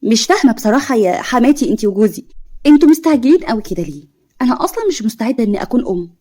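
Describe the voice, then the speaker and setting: A woman's voice: on the high side, sing-song, very fast, dark tone. A woman voicing a selfish, dismissive young Egyptian wife. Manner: dismissive, whiny.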